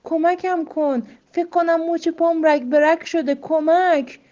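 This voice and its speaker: A woman voicing a frightened, injured male hunter who cries out high and pleading for help. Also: lively intonation, warm tone, lightly acted. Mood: panicked. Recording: muffled lo-fi recording.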